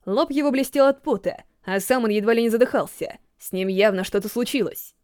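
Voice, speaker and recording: Lady reading an audiobook, kinda high voice, steady and measured, dry sound. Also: clean tone, dry recording. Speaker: audiobook reader. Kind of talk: audiobook narration.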